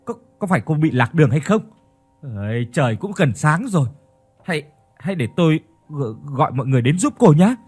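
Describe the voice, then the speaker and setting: A woman's voice: deep voice, sing-song, brisk, a little mellow, husky, soft background music, heavily acted. A man voicing a frightened old village woman who stammers in panic. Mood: nervous.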